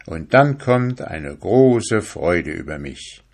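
A man's voice: deep voice, sing-song, takes it slowly, full character voice. A man voicing a young lovestruck fisherman who speaks in an eager, pleading way, raised above his own voice. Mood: tender, pleading.

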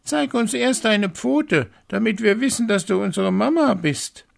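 A man voicing seven young goat kids in a storybook reading, with a high shrieking chorus voice. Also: lively intonation, unhurried, vocal fry, heavily acted. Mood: wary. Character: seven frightened little goat kids, child-high, shrill.

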